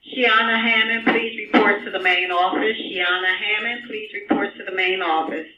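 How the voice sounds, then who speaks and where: A man calmly repeating a page over a school PA system, heard through a loudspeaker. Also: high voice, moderate pace. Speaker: school office announcer. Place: school building. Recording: echoey, muffled, noisy loudspeaker from far off.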